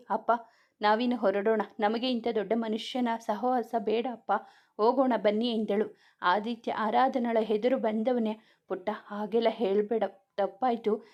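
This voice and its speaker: A woman's voice: on the high side, dull audio. A woman reading a serialized romance story aloud, speaking every character's lines in her own reading voice between plain narration.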